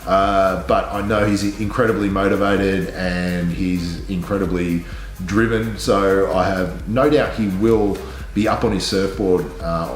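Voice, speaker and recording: Low-voiced middle-aged man, echoey room. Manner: wry, teasing. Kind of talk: casual talk to camera. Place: small plain indoor room. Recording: echoey bare room, faint music.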